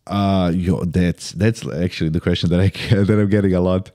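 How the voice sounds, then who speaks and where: A man's voice: low voice, steady tone, warm tone. A man in his thirties chatting casually as a podcast guest, dropping "bro" into nearly every thought and often restarting sentences as he thinks. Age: 30s. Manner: casual, sprinkles "bro" constantly; halting restarts while thinking.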